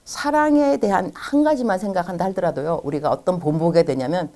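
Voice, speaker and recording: A woman's voice: lowish voice, brisk. A middle-aged woman missionary giving a church lecture to parents, acting out parents and children in little quoted scenes. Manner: animated, acts out parents and children in quoted lines. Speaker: missionary speaker.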